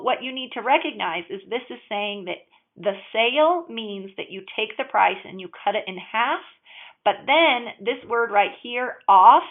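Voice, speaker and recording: A woman math teacher explaining a lesson to students in an upbeat, encouraging way, walking them through each step. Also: medium pitch. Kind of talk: recorded classroom lesson. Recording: tinny phone-like audio.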